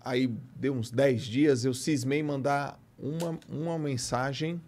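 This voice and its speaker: A man's voice: mid-range voice, slow pace. A man in his late thirties with a Brazilian Portuguese accent, telling a story as a podcast guest in casual chat and acting out the dialogue. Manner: animated storyteller who acts out quoted dialogue.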